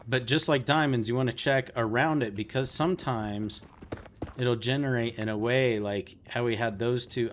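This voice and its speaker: A man hosting a let's play, chatting casually to viewers about his game and getting easily excited. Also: lowish voice, a little hiss or hum. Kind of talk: casual gameplay commentary.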